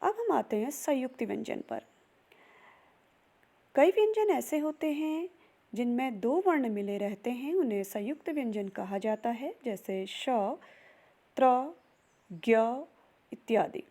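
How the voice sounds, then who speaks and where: Slow, high-voiced woman teaching grammar. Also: lively intonation, warm tone. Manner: slow, spells out sounds one by one. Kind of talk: recorded grammar lesson.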